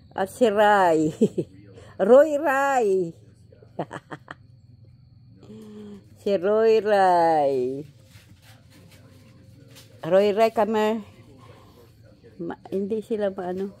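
Outdoors on a patio lawn, a woman with a Filipino accent chats slowly and warmly to her pet chickens and the camera, laughing and coaxing them in baby talk. Her voice is mid-range, captured by a handheld phone pointed downward.

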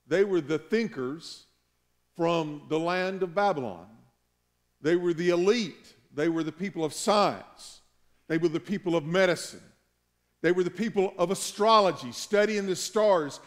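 A middle-aged man preaching a sermon in a large church sanctuary. His voice sits a little high for a man. He speaks earnestly, building to emphatic peaks. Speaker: pastor.

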